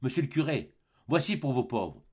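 A man voicing a weary, tormented grown convict with gruff, harsh outbursts in a storybook reading. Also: mid-range voice, very animated, normal speed, darkish tone, voice pushed up. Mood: anguished.

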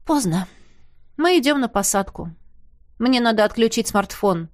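A woman reading the part of a wary, irritated young heroine in an audiobook, terse and sharp. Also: fairly high pitch, expressive, normal speed, dry recording, studio quality, lightly acted.

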